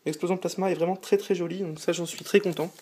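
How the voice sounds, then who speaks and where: A man's voice: sits high, fairly even intonation, fast talker, warm tone, slight background noise. A tired man hosting a casual unboxing vlog from a small sofa indoors, talking eagerly and stopping often to hesitate. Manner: eager, chatty, frequent hesitations. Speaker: channel host.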